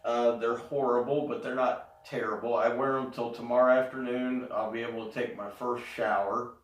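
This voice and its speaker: A middle-aged man giving a casual spoken update, talking haltingly with pauses in mid-sentence. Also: mid-range voice, flat delivery. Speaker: vlogger giving a health update. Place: indoors in an echoey room. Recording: echoey room, distant mic.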